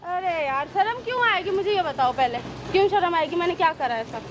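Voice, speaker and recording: A shameless young daughter-in-law, acted by a woman mocks and taunts in a very high, piercing voice. She sounds like a street skit shot outdoors, with faint traffic hum behind her. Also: expressive, a little fast. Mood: defiant, mocking. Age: young adult. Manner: taunting, mocking, unashamed. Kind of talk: street social skit acting.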